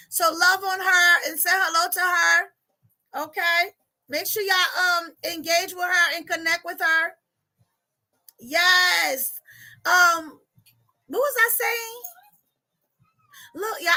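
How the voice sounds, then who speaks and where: A woman, hosting a casual livestream as a life coach, chatty and animated with frequent laughter. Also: very high-pitched. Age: 40s. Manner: animated, laughing, chatty, reads comments aloud.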